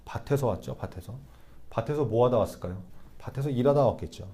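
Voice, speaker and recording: Mellow-voiced young male youth preacher. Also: medium pitch, expressive, fast. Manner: conversational, asks the listeners rhetorical questions. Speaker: youth pastor. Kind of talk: sermon.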